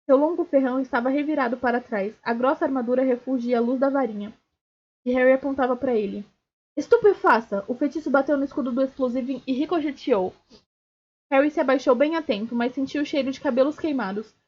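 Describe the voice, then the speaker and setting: A high-voiced woman streamer reads a novel aloud live, moving fast and steadily. She occasionally stumbles on a word and restarts it, and the stream audio sounds dull and lo-fi.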